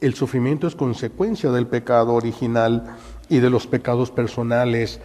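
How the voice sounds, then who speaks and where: Mexican priest preaching in an echoing hall. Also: male voice, medium pitch, fairly even intonation, moderate pace, a little mellow. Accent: Mexican Spanish. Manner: dramatic storytelling preaching. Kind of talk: sermon. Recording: long hall reverb.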